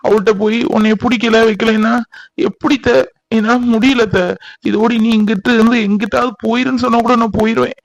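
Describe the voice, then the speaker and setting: A man's voice: very high-pitched, level tone, brisk, dry recording, poor audio. A man voicing a devoted young village man, earnest and emotional, in a cartoon. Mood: refusing. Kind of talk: cartoon voice acting.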